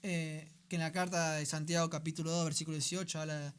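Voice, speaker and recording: A man's voice: a little high, flat delivery, fast, clear, resonant tone. A man with a Rioplatense Spanish accent hosting a radio program, giving a conversational teaching talk and often checking in with his listeners.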